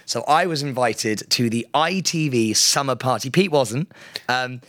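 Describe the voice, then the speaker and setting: A young British man co-hosting a podcast, chatting casually and swearing freely, with his voice jumping high when he gets excited. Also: unhurried, no room sound, clean studio sound. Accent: British English. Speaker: podcast co-host. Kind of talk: casual banter.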